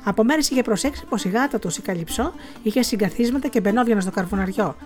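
A woman reads aloud from a novel as a storyteller, lively and natural, with small slips and restarts. Her voice sits a little high. Soft music plays under her reading.

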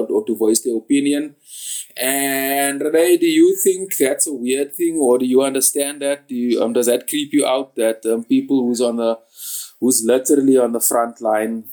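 A man hosting a podcast interview, talking in a halting, rambling way through an online call app that puts an echo on his voice. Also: medium pitch, mellow. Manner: halting, rambling, many restarts. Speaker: podcast host. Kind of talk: casual interview chat.

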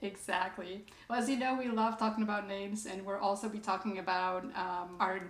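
A woman's voice: mid-range voice, fairly even intonation, normal speed. A woman hosting a podcast, chatting casually while introducing and questioning her guest. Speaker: podcast host. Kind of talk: casual interview chat. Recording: roomy sound.

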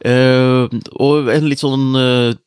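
A man's voice: medium pitch, flat delivery, a little mellow, smooth, dry recording, clean studio sound. A man co-hosting a podcast, chatting casually with lots of hesitations and restarts. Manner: hesitant, many fillers and restarts. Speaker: podcast co-host. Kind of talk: casual chat.

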